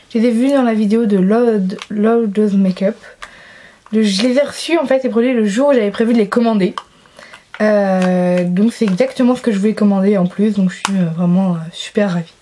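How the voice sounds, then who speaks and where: A woman vlogger chatting casually to camera at home about a makeup haul, gushing about products and often pausing with hesitant fillers. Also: fairly high pitch, warm tone, slight background noise. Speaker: beauty vlogger.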